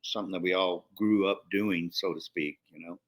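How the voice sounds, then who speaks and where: A man's voice: deep voice, steady tone, moderate pace, fairly bright tone. A middle-aged man from Arizona, a guest outfitter chatting casually in an easygoing, agreeable way. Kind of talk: casual chat.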